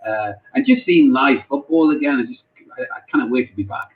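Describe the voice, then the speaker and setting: A man's voice: medium pitch, sing-song, soft background music. Man on a tinny call. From North East England. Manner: halting, repeats words often. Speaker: football club chaplain. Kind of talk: casual interview answers. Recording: tinny phone-like call audio.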